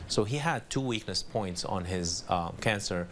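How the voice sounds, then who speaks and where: A man's voice: fairly low pitch, expressive, normal speed, a bit bright, slight background noise. A man speaking as a doctor, giving explanatory answers in an interview.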